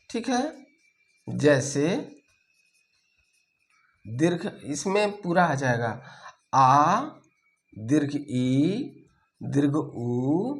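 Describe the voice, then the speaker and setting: A man teaching a lesson, slowly dictating notes, repeating phrases and checking in with his students. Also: on the high side. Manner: slow and deliberate, repeats phrases for dictation, ends points with "theek hai". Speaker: Sanskrit teacher.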